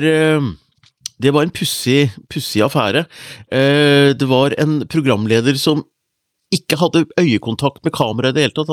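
A man's voice: fairly high pitch, dry recording, clean studio sound. A man co-hosting a podcast, chatting casually with lots of hesitations and restarts. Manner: hesitant, many fillers and restarts. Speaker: podcast co-host. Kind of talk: casual chat.

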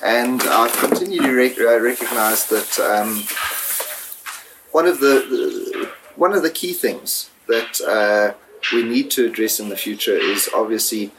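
A middle-aged food entrepreneur, born in South Africa and raised in Zimbabwe, answers interview questions as a guest in a somewhat low voice. He sounds hesitant, using many fillers, restarts and repeated words, and the background is noisy.

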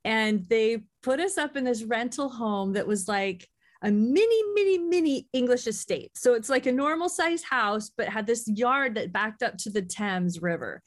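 A woman's voice: on the high side, normal speed. An American woman telling personal stories as a podcast guest in a casual, effusive way. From United States. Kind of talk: casual, chatty personal storytelling.

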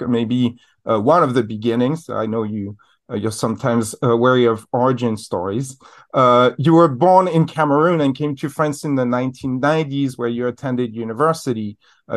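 Male podcast host, formal and measured, hesitant fillers between phrases. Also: medium pitch. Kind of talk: interview hosting.

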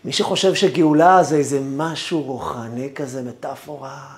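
A man giving a rabbi's lecture, emphatic and expressive, with rhetorical questions and storytelling. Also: medium pitch.

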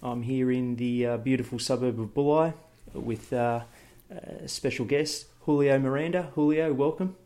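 Man, podcast host, measured formal delivery, middle pitch. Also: mellow. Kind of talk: podcast hosting, scripted intro then interview.

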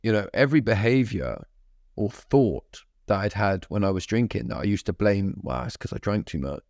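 Low-voiced male podcast host, dry sound. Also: sing-song, normal speed, vocal fry, a little mellow, dry recording. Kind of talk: casual chat.

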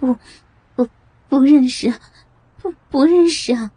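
A woman's voice: high voice, slow pace, dark tone, pitched above the performer's own voice. A woman voicing a panicked middle-aged woman who sobs and stammers as she pleads. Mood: panicked crying. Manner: sobbing, stammering pleas.

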